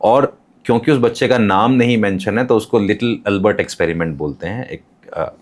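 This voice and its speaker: A man's voice: lowish voice, a little fast. A man as a podcast guest, explaining ideas with examples and English terms.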